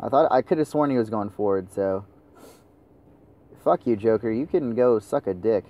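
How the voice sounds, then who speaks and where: A man's voice: lowish voice, expressive, normal speed, mellow. A young man commenting over his own gameplay, swearing and ranting at his teammates. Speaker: gaming channel host.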